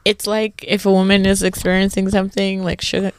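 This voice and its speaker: A woman's voice: mid-range voice, little pitch movement, fairly quick, clean tone, no echo. A woman co-hosting a podcast, laid-back and giggly in casual chat. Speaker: podcast co-host.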